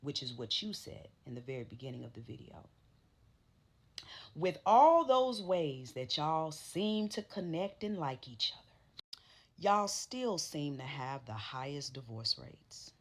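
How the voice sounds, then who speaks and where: A woman's voice: deep voice, big pitch swings, unhurried. A woman giving reaction commentary in a wry, teasing and pointed way.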